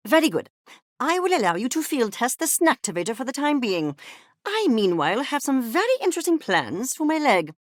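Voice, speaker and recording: For a video game, a woman plays an eccentric, superior furry creature scientist, her lines long-winded, theatrical, condescending and sharply articulated. Her high, sing-song voice moves fairly quickly with a commanding, eager air. The clean studio recording is dry.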